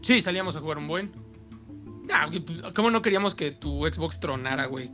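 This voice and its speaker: A young man with a Mexican accent chatting casually and reminiscing with a friend in a slangy, animated storytelling manner. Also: on the high side, brisk, music in the background.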